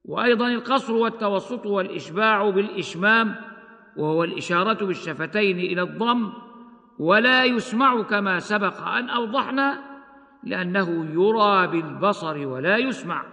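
A man teaching the rules of Quran recitation, explaining each rule and then slowly chanting the examples. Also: high-pitched, gravelly, sharp tone, big-room sound. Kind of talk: tajweed lesson with chanted examples.

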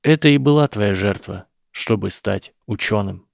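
An earnest young wizard, as a male reader plays him explains his argument slowly and persuasively. His low, gravelly tone stays close and dry, with no room around it. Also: no echo. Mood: reasoning. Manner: measured, persuasive, slow explaining. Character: earnest boy wizard, calm and reasoning. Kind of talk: audiobook character voice.

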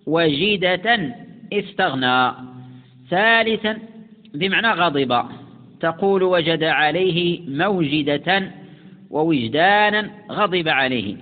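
A man teaching classical grammar, who slowly recites examples and repeats words for emphasis. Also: a little high. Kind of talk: lesson explaining classical grammar. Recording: tinny phone-like sound with long reverb.

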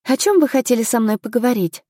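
A woman's voice: fairly high pitch, expressive, fast talker, dark tone, no echo, clean studio sound, voice pushed up. A woman reading an audiobook, voicing a determined, polite young noblewoman of twenty in a raised, earnest voice.

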